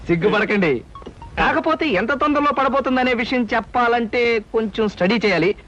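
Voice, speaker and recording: An actor playing a smooth-talking male con man who flatters a customer with fake face reading. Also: very high-pitched, moderate pace. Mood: flattering. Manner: flattering and smooth, bossy to his servant. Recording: lo-fi film soundtrack with music.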